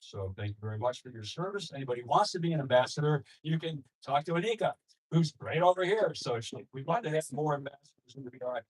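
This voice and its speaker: A man from Rochester, New York, emceeing a member dinner as association president, joking loudly and rallying the room. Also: fairly high pitch, expressive, fast, breathy edge, rough recording. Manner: jokey, loud, rallying a room. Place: banquet hall at a dinner meeting.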